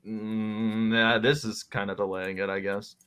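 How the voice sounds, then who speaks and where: A man's voice: lowish voice, little pitch movement, a little slow, a bit bright, clean tone. A man in a casual chat, joking around with short meme quips. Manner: jokey, throws in meme quips. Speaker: friend and video creator.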